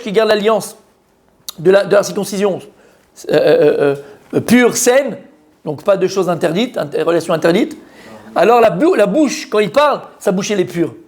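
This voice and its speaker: A man, a rabbi, giving an informal Torah lesson to a live group, talking straight to his listeners and repeating key words with many fillers. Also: high voice. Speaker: rabbi teaching a Torah class.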